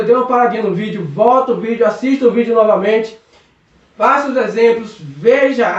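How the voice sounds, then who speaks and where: A man teaching a recorded video lesson, patiently drawing out syllables and checking in with "okay?" again and again. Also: extremely high pitch. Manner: patient, drawn-out stressing of syllables, constant check-ins. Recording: echoey room, distant muffled mic.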